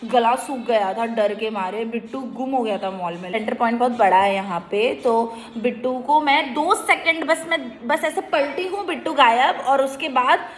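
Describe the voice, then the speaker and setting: A young woman, a mother, chatting casually in a home vlog and coaxing her toddler in a soft sing-song way. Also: a little high, moderate pace, few pauses. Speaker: mother and vlogger. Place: at home indoors.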